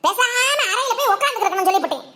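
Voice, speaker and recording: A woman's voice: animated, rapid-fire, soft background music, full character voice. A woman voicing a bossy, scolding village mother in a cartoon, with a Tirunelveli Tamil accent. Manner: scolding, nagging, high and bright.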